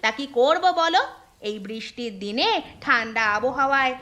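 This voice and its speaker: A woman's voice: sits high, moderate pace, sharp tone. A woman voicing a fussing, scolding middle-aged wife and mother in a dubbed cartoon. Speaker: cartoon voice actor. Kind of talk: cartoon dubbing.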